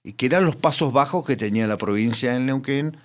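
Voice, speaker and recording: A man's voice: mid-range voice, fairly quick. A man telling local history in a radio interview, hesitant, with many fillers and restarts. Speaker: guest.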